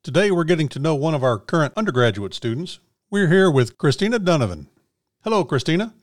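A man from Kentucky hosting a scripted interview podcast in a measured, encouraging way. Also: on the high side, very animated. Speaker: podcast host.

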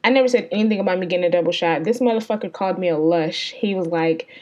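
A woman's voice: on the low side, fast, darkish tone, highs cut off. A woman hosting a podcast, telling a story in a rambling, profane, exasperated way. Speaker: podcast host. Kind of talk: casual storytelling.

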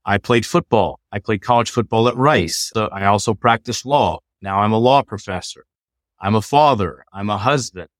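A middle-aged man, a law professor, explaining ideas in a measured, lecturing way during a conversation. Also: on the low side, no room sound, studio quality.

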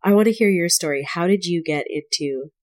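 A woman hosts a relaxed podcast chat, her voice stuffed up from a cold. She sounds upbeat and enthusiastic as she asks her questions. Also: lowish voice, brisk. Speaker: podcast host. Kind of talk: casual interview.

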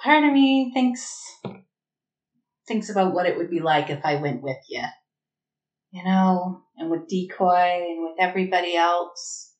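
A woman voicing a wry, warm adventurer with a roguish streak, talking in a gently teasing and reflective way. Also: fairly low pitch, measured pace, natural voice. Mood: wistful. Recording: echoey room.

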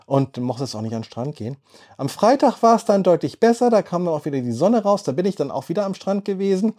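Relaxed, dark-voiced man in his forties. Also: high-pitched, fast talker. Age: 40s. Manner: rambling, lots of fillers and restarts. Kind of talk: casual chat, telling a holiday story.

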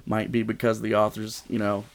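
A man's voice: fairly low pitch, monotone, normal speed, gravelly, crowd noise. A man co-hosting a comedy podcast, reading a silly story aloud with wry, sweary asides. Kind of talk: casual comedic read-aloud.

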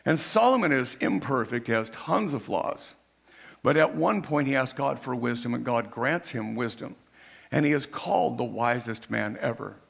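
A male pastor gives an informal sermon in a hoarse, gravelly voice that sits at an average pitch. He explains things plainly, tagging points with a questioning "right?", and the rasp of a failing voice runs through his delivery. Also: lively intonation, moderate pace, fairly bright tone. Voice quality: raspy.

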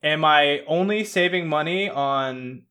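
Bright-voiced easygoing male podcast host. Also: fairly high pitch, a little slow, clean tone. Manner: easygoing, brief agreeing replies. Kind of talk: casual podcast hosting.

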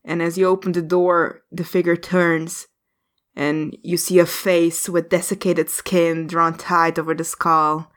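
A woman running a tabletop game as game master, with measured, descriptive narration. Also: fairly low pitch, level tone.

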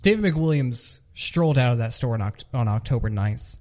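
Brief: male podcast host, mid-pitched voice, spoofs true-crime narration with a straight, mock-serious delivery. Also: lively intonation, moderate pace, a little mellow.

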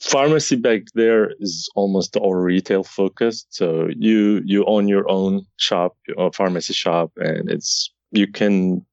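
A man's voice: low-pitched, slow, gravelly, hardly any pauses, darkish tone, dry recording, highs cut off. A man in his thirties from Syria, a guest on a podcast interview, talking earnestly and often restarting his sentences. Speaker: guest, informatics pharmacist.

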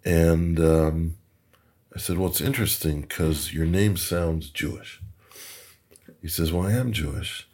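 A man's voice: sits low, steady tone, measured pace, long pauses, a little mellow, slightly rough. A man, a podcast guest, telling anecdotes in a chatty way, chuckling and repeating words while he searches for them. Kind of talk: anecdotal storytelling. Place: Toronto.

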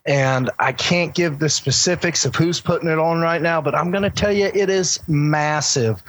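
A man's voice: a little high, breathy edge, rough recording. A man organizing a convention, talking eagerly in a casual interview, rambling with restarts.

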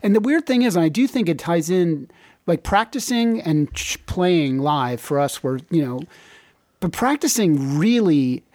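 Thoughtful man, lively higher voice. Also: dry recording, studio quality. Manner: thoughtful, halting, many fillers. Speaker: band member. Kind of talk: casual reflective conversation.

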